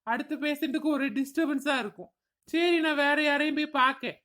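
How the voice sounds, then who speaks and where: A woman's voice: sits high, fairly even intonation, a bit bright. A woman voicing an impatient middle-aged male doctor in a cartoon comedy, giving curt instructions. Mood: brusque. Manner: brusque, hurried instructions.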